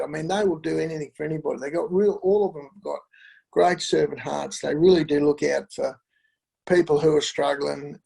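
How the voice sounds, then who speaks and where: A middle-aged man speaks candidly about hard family years, stopping and restarting often with plenty of fillers. His voice is gravelly and husky, set a little higher than most men's. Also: a little mellow, low-quality recording. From Australia. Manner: halting, with many fillers and restarts. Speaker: interview guest. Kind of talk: candid personal storytelling.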